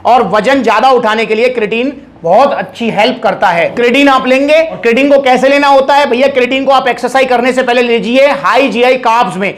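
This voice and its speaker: A man's voice: extremely high pitch, brisk, few pauses. Chatty man explaining supplements, Haryanvi accent. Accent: Haryanvi Hindi. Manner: chatty, addresses viewers as brother. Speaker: supplement shop host. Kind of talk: casual explainer.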